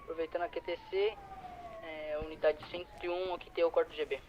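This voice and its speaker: A man making a radio call in code words as a firefighter unit in a roleplay game, in clipped, even radio talk. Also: fairly high pitch, fast. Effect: in-game radio transmission. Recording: muffled radio with siren and loud noise.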